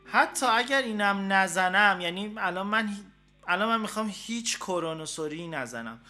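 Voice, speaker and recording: A man's voice: high voice, animated, bright, forceful tone. A man from Iran hosting a guitar show, talking casually and rambling with frequent filler sounds as he breaks off to play examples on his guitar. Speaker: guitar teacher and show host. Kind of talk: casual spoken guitar lesson.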